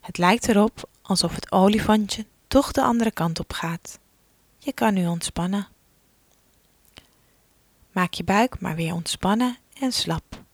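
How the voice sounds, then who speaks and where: A woman talks through a relaxation exercise at a very unhurried pace, calm and gentle. She often sinks into a soft whisper. The sound is close and dry, with no room around it. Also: medium pitch, no room sound. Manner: slow, soothing instructions, often dropping to a soft whisper. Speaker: relaxation guide for children.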